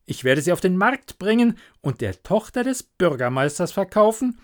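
A man's voice: big pitch swings, moderate pace. A man voicing a poor, humble young gardener in a storybook, speaking eagerly and gratefully in a raised voice. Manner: eager, grateful, high-pitched.

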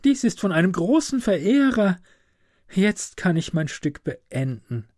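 A man's voice: on the high side, wildly swooping pitch, moderate pace, warm tone, no echo, clean studio sound, voice pushed up. A man reading a storybook aloud, voicing a poor, dreamy young student playwright with eager pride. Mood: delighted.

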